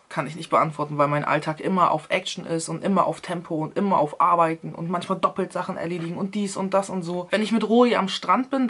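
A woman's voice: fairly low pitch, fairly bright tone. Chatty slangy woman vlogger. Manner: chatty and slangy, addresses viewers directly. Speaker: YouTuber answering a question series. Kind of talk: casual vlog chat.

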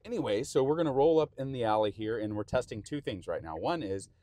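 A man's voice: medium pitch, lively intonation, quick pace, mellow. A man with a Texan accent giving rambling, chatty commentary while driving a car in the rain, recorded on an action camera mounted inside. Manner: chatty, rambling, self-interrupting. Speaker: vlogger.

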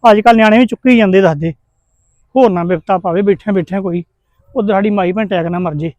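A man's voice: high voice, fast talker, a little mellow, lo-fi sound, lightly acted. A middle-aged man acting as a stern, suspicious husband and son who scolds his wife in a family drama. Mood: worried. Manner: accusing, scolding.

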